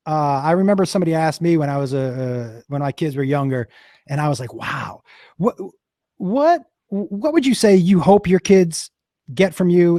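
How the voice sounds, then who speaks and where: A host in his fifties from Western Massachusetts leads a casual video-call chat in a hoarse, slightly high, somewhat mellow voice. He often stammers, restarts his sentences and laughs easily, and the recording is dry and studio quality.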